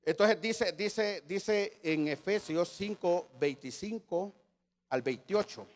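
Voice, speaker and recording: A man's voice: sits high, slow pace. A man, teaching a church sermon emphatically and repeating words as he searches for his phrasing. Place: church meeting.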